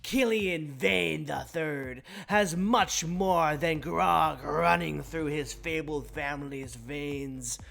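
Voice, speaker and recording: A man's voice: fairly high pitch, slow, creaky, few pauses, fairly bright tone, heavily acted. A man voicing a boisterous pirate storyteller, in theatrical pirate slang.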